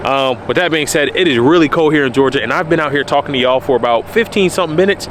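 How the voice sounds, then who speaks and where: A young man in his early twenties with a drawl, talking casually and candidly to the camera. He circles back and repeats himself for emphasis. He is recorded outdoors, with clear traffic and street noise behind him. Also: fairly high pitch, fast, fairly bright tone. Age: early 20s. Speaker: car vlogger. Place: outdoors by his car in cold weather.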